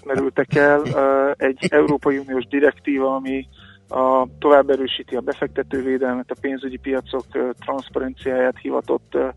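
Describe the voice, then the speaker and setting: A financial analyst guest offers market commentary on the radio over a phone-like line with faint music in the background. His medium-pitched voice is completely flat with vocal fry in a dry recording, and he explains hesitantly with many filler sounds.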